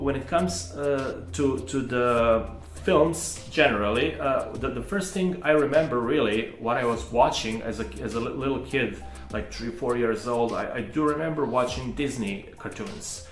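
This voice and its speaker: A man tells a personal story in a halting, rambling way, often restarting his sentences. His voice sits at an ordinary pitch for a man. He records in an echoey room with faint music underneath. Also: fairly bright tone. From Serbia. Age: 30s. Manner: hesitant, rambling with many restarts. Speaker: channel host.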